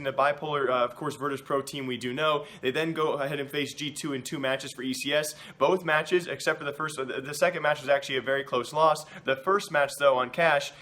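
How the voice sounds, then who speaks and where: A young man hosts an esports news rundown with a voice roughened by sickness. He rattles along at a rapid clip in a bright, forceful tone, stumbling into quick restarts as he goes. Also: medium pitch. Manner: energetic, rapid, frequent restarts. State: sick voice. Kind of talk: casual news commentary.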